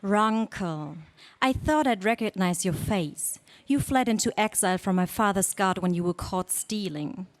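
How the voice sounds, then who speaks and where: An actress playing a scheming, imperious princess with haughty, deliberate delivery in a space serial radio drama. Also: female voice, mid-range voice, no echo, natural voice. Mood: sly command.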